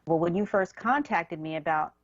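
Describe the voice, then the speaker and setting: A woman in her fifties with a low voice chats wryly as a radio co-host. Her voice sounds dull and dry, close to a studio microphone. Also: expressive, moderate pace, no echo. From New York. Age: 50s. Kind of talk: casual radio talk.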